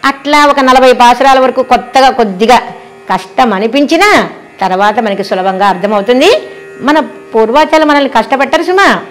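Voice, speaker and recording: A woman's voice: high-pitched, a little fast, faint music behind. A woman giving a devotional discourse, telling stories with rhetorical questions and fond exclamations. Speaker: religious discourse speaker.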